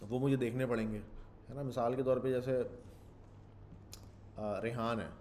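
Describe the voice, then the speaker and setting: A man's voice: medium pitch, steady tone, unhurried, darkish tone, a little hiss or hum. A man teaching a casual coding lecture, thinking aloud and slipping English terms into his talk. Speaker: programming instructor.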